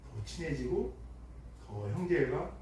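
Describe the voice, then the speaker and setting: Middle-aged male pastor, emphatic sermon delivery with loud peaks and hushed asides, distant mic, heavy church echo. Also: on the high side, sing-song, slow. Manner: emphatic preaching with rhetorical questions, swings from loud to hushed. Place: church sanctuary. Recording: echoey hall, distant mic, faint noise.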